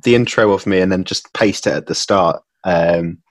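A young man from England chatting casually as a podcast guest, self-deprecating and quick to laugh. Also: low-pitched, no echo. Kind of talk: casual chat.

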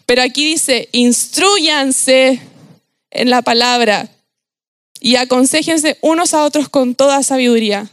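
A young woman with a Chilean accent giving a casual, slangy youth sermon, animated and laughing often. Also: sits high, unhurried, no echo, studio quality. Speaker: youth preacher.

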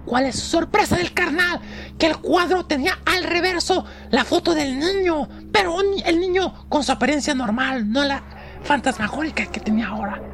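A woman with a Mexican accent telling a horror story casually, with slang, jokes and dramatic pauses. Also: high-pitched, a little hiss or hum.

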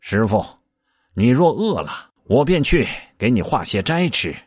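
A man's voice: big pitch swings, a little slow, breathy edge, no echo, clean studio sound. A man voicing a brash, hot-tempered monkey disciple. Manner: shrill yelps when in pain.

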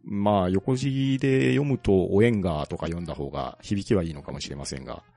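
A man co-hosting a podcast, explaining a topic calmly and methodically. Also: low voice, a little fast, creaky, soft background music. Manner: explains at length, calm and methodical. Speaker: podcast co-host presenting a local hero. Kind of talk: casual chat.

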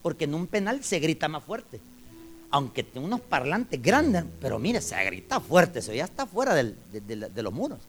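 Animated pastor, high-pitched and lively. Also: male voice, normal speed. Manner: shouts when preaching, animated storytelling. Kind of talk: sermon.

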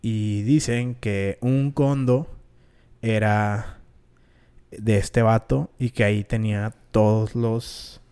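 A man with a Mexican accent telling stories casually on a podcast in slangy, halting speech with many pauses. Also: on the low side, steady tone, warm tone, smooth. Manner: halting, slangy, drawn-out storytelling. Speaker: podcast co-host. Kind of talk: casual conspiracy storytelling.

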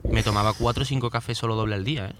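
A man's voice: fairly low pitch, steady tone, rapid-fire, a bit bright. A young man with a Spanish accent from Spain, hosting a casual podcast, teasing and slangy. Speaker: podcast host. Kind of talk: casual chat.

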